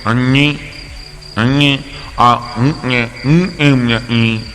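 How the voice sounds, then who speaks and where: A man's voice: mid-range voice, slow pace, a bit bright, in a large hall, faint music behind. A man imitating a boy who talks through his nose with unclear, muffled words. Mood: excited. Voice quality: nasal, muffled speech. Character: slurring nasal-voiced boy, adult man imitates.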